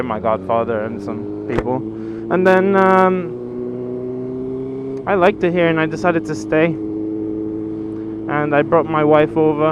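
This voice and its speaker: A man from Brazil in his twenties, his voice on the high side, rambles casually as he rides his motorcycle through the city, full of fillers and restarts. As a motorcycle vlogger he records with a bike-mounted action cam, producing muffled sound buried in road and engine noise.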